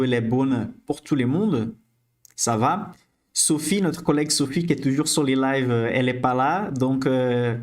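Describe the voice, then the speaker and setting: A man speaking French with a Brazilian accent leads a live-streamed investing lesson. His delivery is chatty and conversational, and he keeps checking in with viewers as he goes. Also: medium pitch. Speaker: financial educator hosting a live stream.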